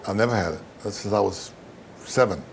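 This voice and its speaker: Answering interview questions, this low-voiced man is frank and blunt, speaking a little fast with vocal fry. Phrases get repeated and stressed for effect, and some noise sits in the background.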